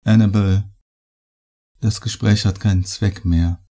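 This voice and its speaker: A coldly calm young man speaks in a flat, unmoved way, voiced by a man reading a horror story. His voice is low, dark and slow. A husky edge lingers on every word. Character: calm, cold young man turned killer.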